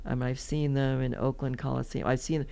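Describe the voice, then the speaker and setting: A woman's voice: very deep voice, flat delivery, normal speed, vocal fry, dark tone. A woman in her seventies from California, telling rambling, chatty stories as a podcast guest and laughing often. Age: 70s. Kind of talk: casual interview storytelling.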